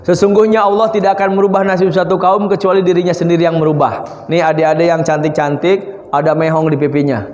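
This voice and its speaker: A man's voice: on the high side, level tone, fast talker, a little mellow. A male preacher giving a playful sermon to children, acting out little scenes and chanting verses. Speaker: preacher (ustad). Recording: echoey hall.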